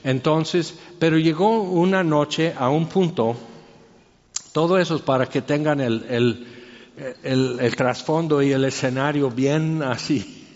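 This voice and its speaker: A man giving an emotional personal testimony, halting and restarting his sentences often. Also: on the high side, darkish tone. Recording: reverberant hall, dull lo-fi sound.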